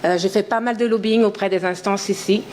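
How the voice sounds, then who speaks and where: A woman's voice: mid-range voice, fairly even intonation, fairly quick, a little mellow, slight background noise. A woman in her thirties from French Guiana, an entrepreneur giving a conference talk, speaking earnestly and with enthusiasm, with frequent hesitations. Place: conference hall.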